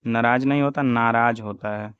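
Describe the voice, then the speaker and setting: A male teacher drills spelling corrections at a slow, steady pace, setting each wrong form against the right one. His voice is smooth and clear. The recording is dry and a little dull, like lo-fi audio. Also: mid-range voice, dry recording. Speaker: Hindi teacher. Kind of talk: exam-prep spelling lesson.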